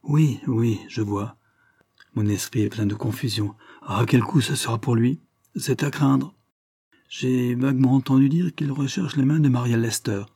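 A man reading the part of an older lord, mocking and secretive, speaking in a wry, measured way. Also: mid-range voice, dark tone, husky, no echo, studio quality.

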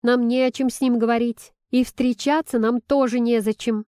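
A woman's voice: medium pitch, a little slow, darkish tone, no echo, natural voice. A woman voicing a young pregnant heroine who snaps back in short, clipped retorts, in a dry, close recording. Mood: indignant.

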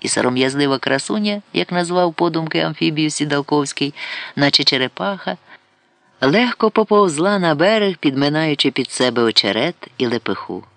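A man narrating an audiobook with an expressive, storytelling delivery. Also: fairly high pitch, normal speed, vocal fry, no room sound. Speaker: audiobook reader.

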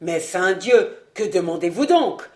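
A woman voicing a scheming nobleman who commands his servants, speaking slowly and weighing each word, pitched lower than her own voice. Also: lively intonation, natural voice. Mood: desperate, heated.

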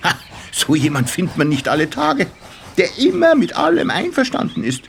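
A man's voice: high-pitched, wildly swooping pitch, normal speed, vocal fry, fairly bright tone, slight background noise, heavily acted. An actor playing Kasperl, a cheeky, talkative male puppet jester who chats and argues with himself in a children's radio play. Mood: playful. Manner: chatty, argues with himself, playful. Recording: radio play with music behind.

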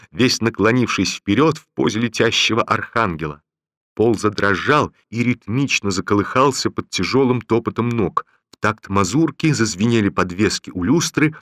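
A man's voice: on the low side, fairly bright tone, dry recording. Man reading a classic novel, dry close sound. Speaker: audiobook reader. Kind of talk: scripted literary narration.

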